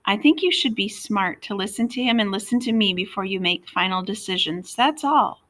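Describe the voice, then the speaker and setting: A woman voicing a caring mother figure who speaks slowly and chooses her words with care, in a read-aloud story. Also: mid-range voice, fairly bright tone, natural voice. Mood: earnest. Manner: slow, careful wording. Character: caring stepmother figure, calm and careful.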